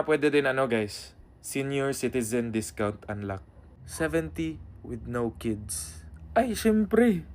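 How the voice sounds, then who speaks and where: A man's voice: mid-range voice, slight background noise. A man making a casual, comedic vlog and joking playfully. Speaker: content creator.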